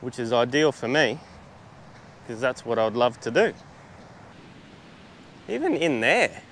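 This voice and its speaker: A man's voice: mid-range voice, very animated, unhurried, a bit bright, a little hiss or hum. An Australian man chatting casually through a travel vlog on a beach, laid-back, with lots of fillers and restarts, recorded outdoors on a small camera-mounted mic. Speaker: travel vlogger.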